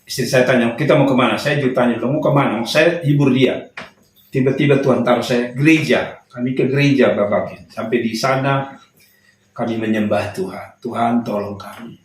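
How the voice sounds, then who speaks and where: A man's voice: medium pitch, fairly even intonation, moderate pace. A young man, preaching a sermon as a pastor and telling a personal story with humor. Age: young adult. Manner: storytelling with humor, laughing at his own jokes. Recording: echoey hall, voice from far off.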